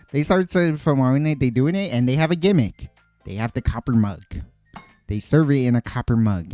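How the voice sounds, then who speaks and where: A man chatting on a stream in a loose, rambling way, full of fillers and restarts. His voice is mellow and mid-pitched, recorded close and dry with faint music behind him. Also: no echo. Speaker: streamer making cocktails. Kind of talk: casual chat.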